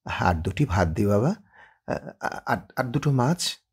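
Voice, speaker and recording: A man's voice: mid-range voice, lively intonation, slow, husky, full character voice. A man voicing an anxious, fussing elderly mother in an audio story, speaking with hesitant stammers. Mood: coaxing.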